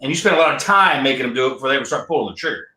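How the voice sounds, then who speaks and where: A man with an American accent hosting a casual podcast, talking in a relaxed, rambling way with many ums. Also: mid-range voice, racing, distant mic. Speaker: podcast host. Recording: roomy and off-mic.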